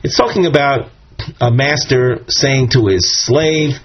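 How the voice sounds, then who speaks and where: In a slow, mid-range voice, a man walks through a Talmud text-study lesson step by step, reciting Aramaic and Hebrew phrases. The recording is dull and lo-fi.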